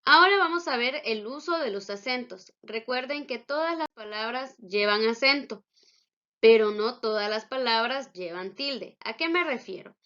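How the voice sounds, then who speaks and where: A woman teacher explaining spelling and punctuation rules slowly and with careful enunciation. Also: a little high, animated, pushed and bright. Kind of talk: spelling and grammar lesson. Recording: dull lo-fi recording.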